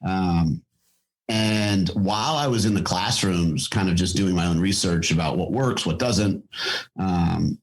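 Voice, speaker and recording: A middle-aged podcast guest, founder of a fitness company, speaks in a low voice at a measured pace over a low-quality recording with a little hiss or hum. He chats casually and thoughtfully in this interview, with plenty of fillers and restarts.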